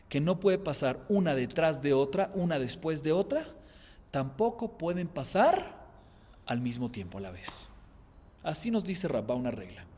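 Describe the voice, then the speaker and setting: A man, a rabbi, teaching a Talmud class, explaining by asking and answering his own questions and chanting Aramaic quotations slowly. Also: fairly high pitch, in a large hall. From Colombia.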